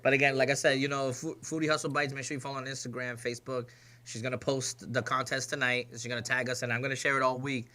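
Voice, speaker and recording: Fast-talking joking male radio host. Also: medium pitch, little pitch movement, bright, forceful tone. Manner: joking, laughs often. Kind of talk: casual chat.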